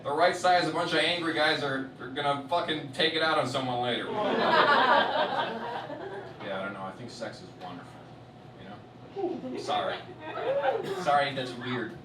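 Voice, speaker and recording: A man doing a stand-up comedy set on a festival stage. He swears a lot and swings between loud outbursts and low muttered asides. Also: normal speed, long pauses, very noisy. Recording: roomy hall, distant mic, loud audience.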